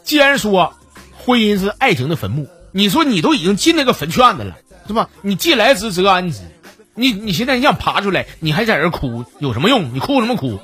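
A husky man with a Northeastern Mandarin accent tells comic stories, his pitch bouncing up and down with animated delivery. He teases and stumbles over quick restarts. Soft music plays faintly underneath. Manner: chatty, teasing, stumbling restarts. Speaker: host reading listener stories. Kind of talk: comic storytelling.

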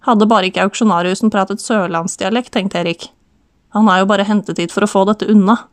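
Woman audiobook narrator, steady even storytelling, very dry studio sound. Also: mid-range voice, no echo. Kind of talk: scripted narration.

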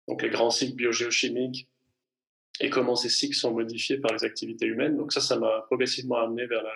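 A man's voice: mid-range voice, gravelly, a bit bright, low-quality recording. A man in his thirties from the French Alps, a climate scientist answering interview questions with many fillers and restarts. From Hautes-Alpes, France. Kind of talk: podcast interview.

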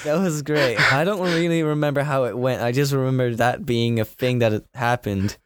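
A man hosting a casual podcast chat with friends, playful and quick to laugh. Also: medium pitch, smooth, dry recording. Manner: laughs a lot, playful, steers the talk. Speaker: podcast host.

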